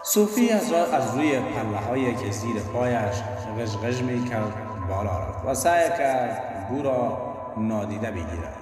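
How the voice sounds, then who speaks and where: A man tells an audiobook story in a steady, even-paced narration. His voice sits at a middle pitch for a man. It echoes heavily with a long reverb, and music plays behind him. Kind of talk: scripted narration.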